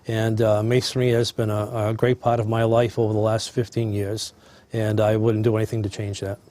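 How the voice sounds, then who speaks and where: A man in his sixties introducing himself on a panel, warm and hesitant with many fillers. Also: on the low side, flat delivery, normal speed. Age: 60s.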